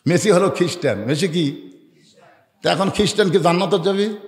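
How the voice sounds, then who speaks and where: A man preaching in a Bangladeshi Bengali accent, telling stories in a drawn-out sing-song chant and breaking into loud shouts at a large religious gathering. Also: sits high. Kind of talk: fiery sermon with chanted storytelling. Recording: echoey hall reverb.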